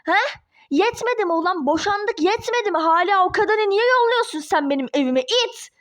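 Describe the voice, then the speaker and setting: A woman voicing a furious young ex-wife in a toy-game role-play drama, shouting threats and cursing. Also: very high voice, lively intonation, a little fast.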